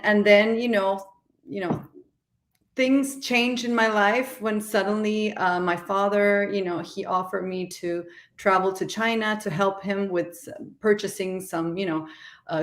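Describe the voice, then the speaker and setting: Rambling woman guest from Argentina. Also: medium pitch. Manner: relaxed, rambling, many fillers, laughs easily. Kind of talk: casual interview chat.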